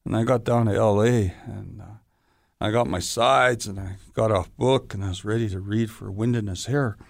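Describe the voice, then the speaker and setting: A man with a gravelly voice tells stories in a relaxed interview. He acts out what other people said as he goes. The sound is dry and close. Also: lowish voice, moderate pace, no echo. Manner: animated storyteller acting out quoted voices. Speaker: guest, actor and stuntman. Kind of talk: casual storytelling interview.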